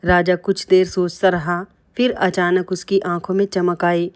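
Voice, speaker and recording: Low-voiced woman narrating a moral story. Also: flat delivery, a little slow.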